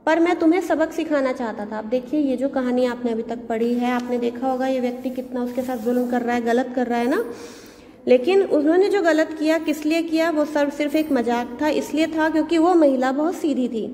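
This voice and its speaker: A woman's voice: high-pitched, fairly even intonation, brisk, dark tone. A woman teacher reading a textbook story to students and stopping to explain difficult words. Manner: explanatory, glosses hard words. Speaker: school teacher. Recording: long reverb, faint background noise.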